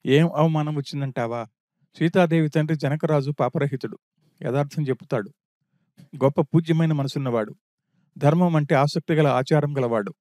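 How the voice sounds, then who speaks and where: A man's voice: a little high, normal speed, mellow, no echo, studio quality, natural voice. A man voicing a grieving prince who laments his lost wife in a stream of anguished questions.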